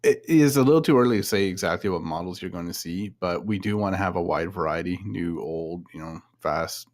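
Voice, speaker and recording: Very deep-voiced male game developer. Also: fairly quick, no echo, studio quality. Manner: easygoing explaining, lots of "you know". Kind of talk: casual livestream Q&A.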